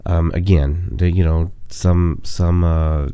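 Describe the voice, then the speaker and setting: This man, late thirties, hosts a podcast while sick, his smooth, warm, low voice sounding stuffy and nasal from a cold. Speaking slowly with fairly even intonation on a dry recording, he rambles through many fillers in a casual monologue, then reads from a memoir.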